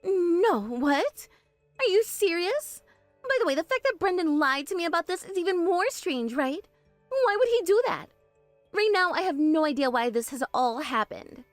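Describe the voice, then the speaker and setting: A spoiled young bride snaps and whines in a high, darting voice, as a woman acts her out. She is bossy and defensive, and her lines swing wildly in pitch. It is recorded close and dry over faint music. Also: sing-song, normal speed, no echo. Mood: flustered. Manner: shrill, demanding, defensive. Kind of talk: animated story voice acting.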